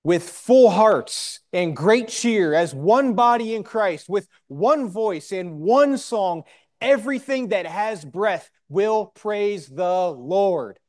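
A man preaching a sermon in short emphatic phrases, pausing for a live interpreter, with rhetorical questions. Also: sits high, expressive, a little mellow.

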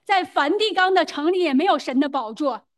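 Very high-pitched woman interpreting a sermon, rushing, lots of ums and restarts. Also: lively intonation. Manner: quick, hesitant, frequent fillers and self-corrections.

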